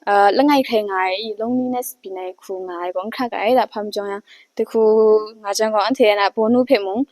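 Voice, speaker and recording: A woman giving an unhurried talk, often pausing and hesitating. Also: fairly high pitch, steady tone, creaky, a little mellow, no echo.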